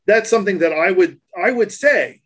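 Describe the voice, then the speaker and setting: A man's voice: high voice, animated, moderate pace, a bit bright, breathy edge. A man on a casual tech podcast, patiently explaining things and restarting his sentences. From United States. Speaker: co-host explaining voice tags.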